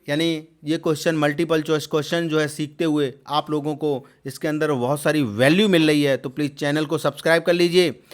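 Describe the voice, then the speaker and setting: A man explaining quiz answers as a computer exam tutor. He repeats terms with many fillers and pauses, and raises his voice loudly to read out each new question. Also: on the high side. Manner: repeats terms and fills with "jo hai" and hesitations.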